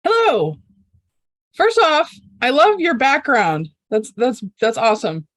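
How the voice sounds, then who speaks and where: Higher-voiced woman asking a question on a call. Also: wildly swooping pitch, slow, fairly bright tone, no room sound, studio quality. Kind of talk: casual question on a video call.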